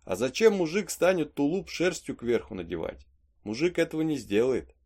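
Pushing his voice up into a full character voice, a man reads a play aloud as a superstitious peasant servant, chatting through a folksy tale with many asides. The audiobook delivery is very animated at normal speed, on the high side, a little mellow, and husky.

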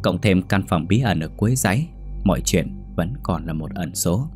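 Deep-voiced man narrating a ghost story. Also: animated, normal speed, darkish tone, faint music behind.

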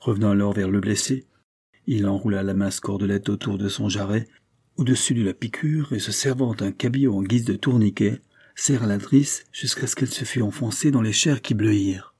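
A man narrating an adventure novel in a steady, measured storytelling voice. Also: lowish voice, husky. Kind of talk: scripted audiobook narration.

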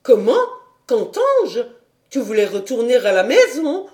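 Voicing a character in an audiobook, a woman reader plays a strict governess who scolds in high, loud, indignant bursts, pitched well above her own voice. The sharp, pressing questions come at a moderate pace, expressive, and the storybook tone remains stern throughout.

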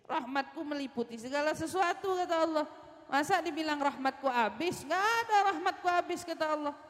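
High-voiced woman teaching religion in a hall. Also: lively intonation, a little fast. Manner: retells prayers dramatically, mixing Arabic recitation with casual asides. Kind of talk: religious study lecture.

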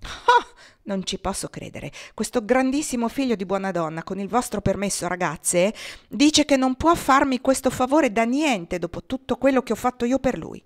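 A woman voicing a fierce, foul-mouthed woman who leads a rough band, scolding and bossy. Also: on the high side, lively intonation, moderate pace, voice pushed up, natural voice.

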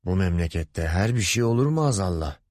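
A man's voice: low-pitched, lively intonation, normal speed, a little mellow, dry recording, clean studio sound. A man voicing a pompous, lecherous middle-aged male boss in an audiobook, wheedling and bossy by turns. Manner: wheedling, grumbling, commanding.

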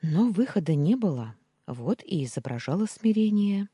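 A woman reads a first-person audiobook in a measured, expressive way. Her voice is low and husky, with a mellow darkness. The pitch moves in lively swings through the sentences. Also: no echo. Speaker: audiobook narrator.

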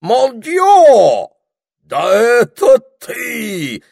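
A man's voice: wildly swooping pitch, drawn-out words, a little mellow, no room sound, clean studio sound, heavily acted. Madame Hortensia, a man doing a shrieking French engine. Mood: panicked. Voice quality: husky, shrill, theatrical. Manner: dramatic, squealing, flirtatious. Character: fussy elderly French female steam locomotive.

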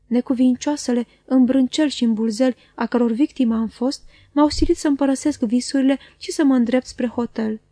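A woman reading a novel aloud in measured, even-paced literary narration. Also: on the high side, no echo. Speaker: audiobook reader.

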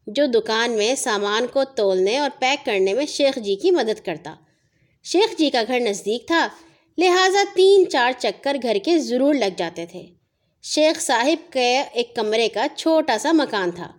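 A woman narrating a children's audio story in a calm, measured reading voice. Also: high voice.

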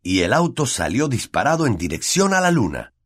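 A man with a Latin American Spanish accent narrating a fantasy audiobook in an expressive storytelling manner. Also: medium pitch, fairly quick. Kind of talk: scripted narration.

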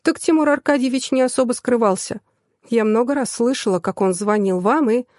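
Woman doing smug teasing young secretary, audiobook, bit high, dry close sound. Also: brisk, darkish tone, no room sound, natural voice. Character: sly mocking young female secretary.

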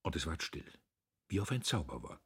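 A man reading a novel aloud in a dramatic, expressive narration. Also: extremely low pitch, brisk, slightly rough. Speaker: audiobook reader. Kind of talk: literary audiobook narration.

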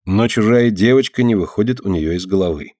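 A man's voice: lowish voice, brisk, dark tone, no room sound. Man narrating an audiobook, dry close sound. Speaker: audiobook reader. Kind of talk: scripted narration.

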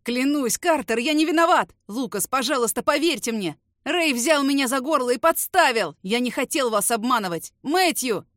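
A woman's voice: high voice, animated, normal speed, a bit bright, dry recording, clean studio sound, voice pushed up. A woman voicing a cowardly young man who wails and pleads through tears. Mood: pleading. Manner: wailing, pleading, crying.

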